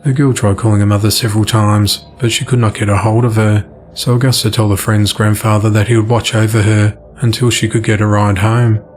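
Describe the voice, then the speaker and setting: A man reading crime news from a script in an even newsreader delivery. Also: fairly low pitch, a little fast, few pauses, slight background noise. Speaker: news reader.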